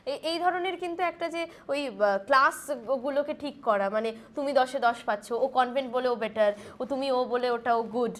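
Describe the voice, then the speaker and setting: High-voiced woman interviewer asking questions. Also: normal speed. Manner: attentive, frequent brief affirmations, hesitant fillers in questions.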